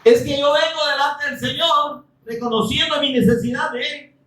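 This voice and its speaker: Fervent preacher, bright cutting voice, rhetorical questions, sudden shouts, heard off-mic in a roomy hall. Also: sits high, steady tone, normal speed, recorded from a distance. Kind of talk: Spanish-language sermon.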